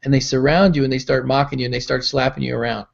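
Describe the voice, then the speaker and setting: A man's voice: medium pitch, flat delivery, fast, vocal fry. A middle-aged man giving a motivational mentoring talk on a call, telling stories and acting out the voices in them. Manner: storytelling, acting out quoted voices. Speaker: mentor and pastor. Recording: dull lo-fi call audio.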